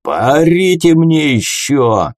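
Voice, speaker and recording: A man's voice: on the high side, sing-song, slow pace, dry recording, clean studio sound, voice pushed up. A man voicing a greedy, brash male cleric who bellows at a crowd, in an audiobook.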